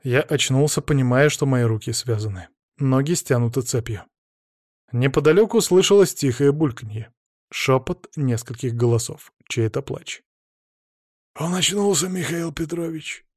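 A man reading a first-person fantasy audiobook in a steady, measured way. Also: medium pitch, dry recording, studio quality. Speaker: audiobook narrator.

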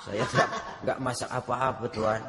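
A weary, bitter poor mother who complains in a hushed, low voice, as a preacher acts her out. His voice is on the high side for a man. The sound echoes through a large hall. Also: normal speed, very noisy, lightly acted. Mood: complaining.

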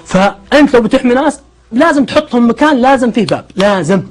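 A male preacher talks quickly in a high voice. He tells his stories with animation and keeps putting rhetorical questions to his listeners. Faint music sits under his speech. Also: animated. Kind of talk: sermon-style lecture.

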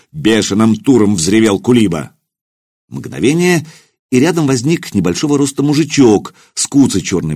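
A man narrating an audiobook in expressive, scripted storytelling. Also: lowish voice, breathy edge, no echo, studio quality.

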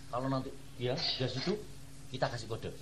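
A woman's voice: extremely low pitch, normal speed, a loud crowd, poor audio. A woman with an East Java accent playing a bossy, insistent schemer who coaches an accomplice in a stage comedy. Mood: scheming, instructing. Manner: instructing, insistent, exclaiming. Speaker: comic stage actor. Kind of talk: comedy sketch dialogue.

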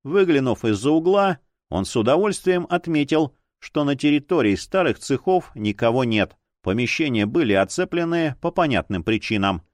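Expressive male audiobook narrator. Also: medium pitch, moderate pace, hardly any pauses, dry recording, studio quality.

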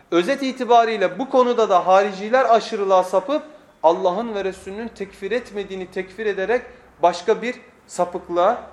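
Man, preacher, pulpit microphone, high-pitched, emphatic, repeats key phrases, rhetorical questions. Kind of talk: weekly sermon lesson.

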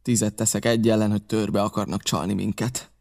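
A man's voice: on the low side, flat delivery, gravelly, darkish tone. A man reading an audiobook, voicing a wary, commanding ship captain who barks curt orders. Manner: barked orders, curt and clipped.

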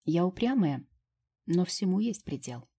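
A woman voicing a stubborn young fairy-witch who speaks in a soft, coaxing, sometimes plaintive way, pitched above her own voice. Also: sing-song, a little slow, breathy edge, exaggerated voice. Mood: sad.

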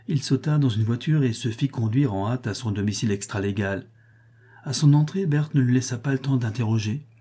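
A man narrating a novel as an audiobook reader, with measured, expressive storytelling. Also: mid-range voice, slightly rough.

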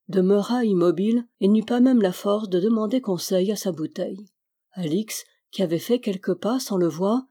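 A woman narrating a classic adventure novel in a measured, even storytelling voice. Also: medium pitch. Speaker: audiobook reader. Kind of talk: literary audiobook narration.

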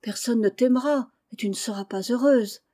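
A woman reading aloud voices a kind, earnest young girl who speaks gently and pleads with her cousin. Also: fairly high pitch, normal speed, natural voice. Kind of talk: audiobook character reading.

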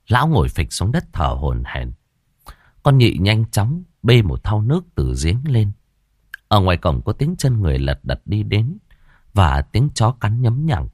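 Deep-voiced man narrating a story. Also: no echo, studio quality. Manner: expressive storytelling.

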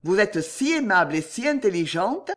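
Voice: medium pitch, very animated, normal speed, fairly bright tone. An audiobook reader voicing an anxious, courteous young nobleman who speaks earnestly. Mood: polite.

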